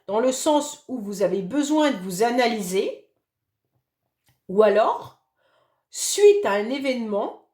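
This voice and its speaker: Hoarse woman tarot reader, high voice, gentle reassuring delivery, echoey room. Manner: gentle, reassuring, fond of "d'accord?" and "hein". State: hoarse voice after illness, occasional cough. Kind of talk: monthly astrology reading for a sign.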